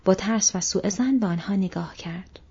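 A woman narrating an audiobook in a soft, measured, breathy reading. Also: mid-range voice. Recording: dull lo-fi recording.

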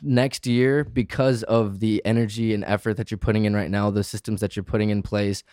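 A man's voice: on the low side, little pitch movement, a little fast, a little mellow, dry recording, studio quality. A man hosting a podcast in casual chat, laid-back and full of slang. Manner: laid-back, heavy on slang like bro and dude. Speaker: podcast host.

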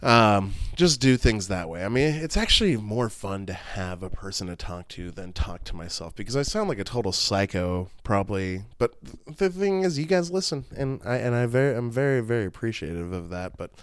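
A man's voice: fairly low pitch, expressive, moderate pace, no room sound, clean studio sound. A man in his late thirties hosting a solo podcast, rambling and swearing casually as he talks to his listeners. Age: 30s. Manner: rambling, profane, self-deprecating. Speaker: podcast host.

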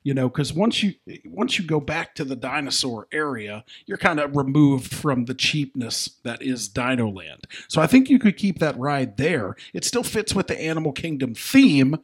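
A man co-hosting a podcast, pitching a theme park idea with enthusiasm in casual chat. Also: animated, normal speed, few pauses, husky. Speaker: podcast co-host.

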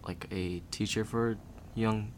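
A young man chatting casually as a podcast guest, talking in a relaxed, rambling way with lots of filler words. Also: on the low side, takes it slowly, slight background noise. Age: young adult.

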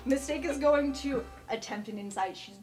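A woman's voice: high-pitched, normal speed, darkish tone, soft background music. A woman playing a tabletop game, talking in a bubbly, upbeat way. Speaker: player. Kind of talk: casual tabletop game play.

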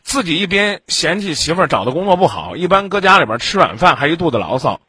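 A man's voice: fairly high pitch, very animated, fast, sharp tone, breathy edge, no room sound. A man with a Beijing accent hosting a relationship advice call-in, bluntly scolding with rhetorical questions. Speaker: advice show host.

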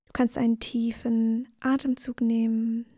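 A woman narrating a guided bedtime sleep meditation in a soothing, gentle, breathy voice that often nears a whisper. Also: a little high, level tone, unhurried, no echo, clean studio sound. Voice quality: breathy, soft.

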